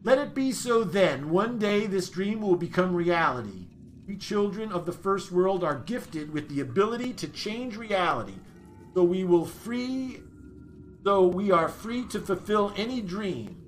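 A man's voice: high-pitched, lively intonation, unhurried. A man reading aloud the lines of a proud, teasing nymph from a fantasy game, barely changing his own voice. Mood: dreamy. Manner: reads her lines aloud in a near-plain voice.

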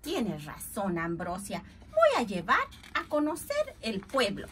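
A woman's voice: medium pitch, slow pace, heavily acted. Woman reading a fussy worried uncle guy, sighs a lot, voice all over the place. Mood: upset. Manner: fretting, sighing exclamations. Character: fretful middle-aged man, fond of his hat. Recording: steady background noise.

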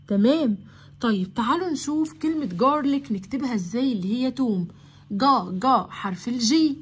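Egyptian woman teacher, young, high husky voice, slow English and fast Arabic explanations. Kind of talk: classroom lesson explaining English grammar.

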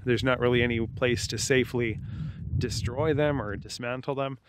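A man walks through ruins outdoors, narrating casually as a travel vlogger in a steady, medium-pitched voice at a moderate pace. Background noise is present, and his chatty talk is sprinkled with "you know" and "like".

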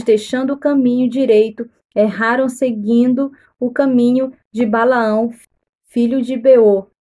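A woman reads scripture aloud at a very unhurried pace, pausing often between phrases. Her voice sits a little high for a woman yet sounds mellow and warm. She guides listeners through the verses like a missionary leading a live reading. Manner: slow deliberate reading with pauses, asks listeners to mark verses. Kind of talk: slow live Bible reading.

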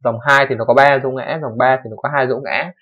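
A man's voice: medium pitch, fairly even intonation, fairly bright tone, slightly rough. A young man teaching programming in a coding tutorial, talking informally, checking in often and correcting himself as he goes. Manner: fast, informal explaining with frequent "đúng không" checks and self-corrections. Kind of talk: screen-recorded coding tutorial. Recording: dull lo-fi microphone.

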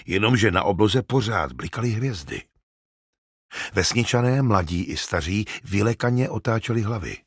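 A man reads an audiobook with dramatic, expressive storytelling. His voice is low and slightly husky, with animated swings of pitch. The studio sound is close and dry, with no room around it. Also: no echo. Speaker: audiobook narrator. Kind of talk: scripted audiobook narration.

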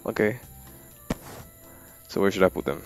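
A man's voice: low voice, moderate pace, creaky, soft background music. A young man giving slangy, reactive commentary while playing a horror game, calling everyone bro. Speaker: gamer. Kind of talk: live gameplay commentary.

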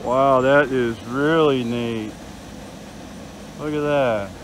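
A vlogger in his fifties gives a chatty, enthusiastic video tour outdoors by a river, talking into a handheld phone camera and pointing things out. His voice is medium-pitched and slow, with slight background noise.

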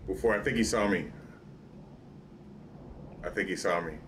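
Low-voiced and speaking at a moderate pace, a middle-aged American streamer talks to viewers and himself during live gameplay, sounding exasperated and mocking himself. He's seated in a home room, and a little hiss or hum runs through the audio.

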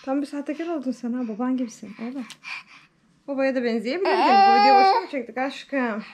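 A woman with a high voice chats her way through a home vlog and slips into cooing baby talk with her dog. Steady background noise runs under the camera audio. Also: fast talker. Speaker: vlogger. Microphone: camera mic.

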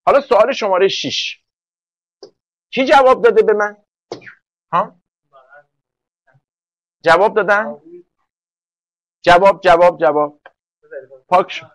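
A male English teacher giving an online class lecture. He fires quick questions at the class, often answers them himself, and slows down to spell out example sentences. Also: sits high, low-quality recording.

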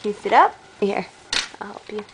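A mother in a home video, coaxing her baby to say words in slow, sing-song baby talk. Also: medium pitch, animated, background noise.

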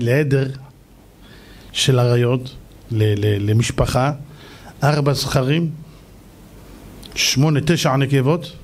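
A man, a rabbi, giving a sermon as a story and acting out the people in it with animated delivery. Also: fairly high pitch. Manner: animated, acts out the people in his stories.

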